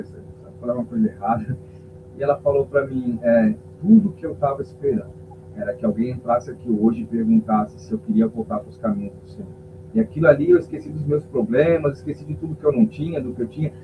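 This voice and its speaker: His voice is on the high side and fast: a male pastor giving an emotional testimony in a podcast interview, voicing the people in his story himself. The audio is tinny, like a phone, with a faint hum.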